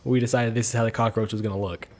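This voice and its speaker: A man's voice: lowish voice, steady tone, rapid-fire, a little mellow. Joking young man riffing on a movie. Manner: joking, riffs with mock quotes and laughter. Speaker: movie review co-host. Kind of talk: casual profane chat.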